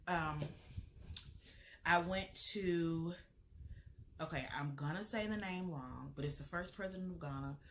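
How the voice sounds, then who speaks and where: A young American woman from the United States with a deep voice and an American accent chats casually as a travel vlogger. She rambles with lots of fillers and restarts, and there's slight background noise.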